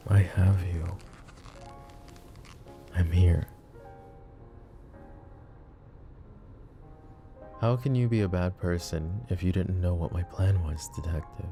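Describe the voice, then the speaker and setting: A man with a low, creaky voice plays a possessive, protective mafia boss in an intimate ASMR roleplay, his menace smooth and full of devotion. He speaks in a hushed, deliberate, tender way, often slipping toward a whisper, and the mood is soothing.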